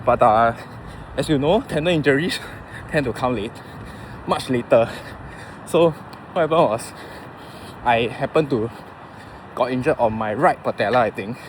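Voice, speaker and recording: A man in his thirties with a Singaporean accent, rambling casually to a vlog audience in a halting, informal way, thinking aloud. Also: medium pitch. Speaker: running vlogger. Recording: clear outdoor traffic and vehicle noise.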